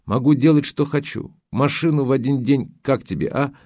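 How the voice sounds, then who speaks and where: A man reading an audiobook, voicing a spoiled, defiant young woman in a raised girlish pitch. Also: normal speed, mellow, no echo, close to an everyday voice. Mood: petulant, defiant. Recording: dry close studio sound.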